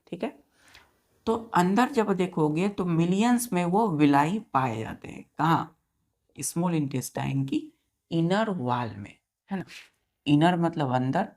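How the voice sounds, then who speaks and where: Low-voiced, slow-paced Indian woman teacher. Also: a little mellow. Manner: slow dictation, spelling words letter by letter; quizzes students with repeated questions. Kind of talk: classroom science lesson.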